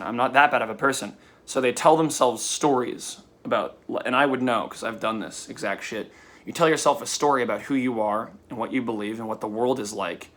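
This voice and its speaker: A man's voice: mid-range voice, fairly bright tone. A young man in a casual vlog monologue who rambles candidly and swears in passing. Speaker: vlogger.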